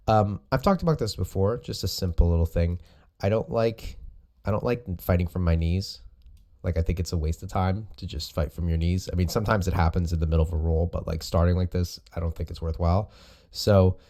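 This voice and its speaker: Deep, mellow-voiced man coaching casually. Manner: informal, explanatory. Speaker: host and jiu-jitsu coach. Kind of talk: casual video commentary on recorded sparring.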